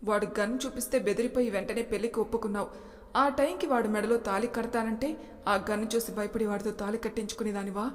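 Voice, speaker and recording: A woman's voice: medium pitch, fairly even intonation, fast, lightly acted. Mocking young male lover, read by a woman narrator, echoey. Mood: angry, mocking. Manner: sharp, mocking, then tender. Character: angry teasing young man, lover. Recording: long reverb.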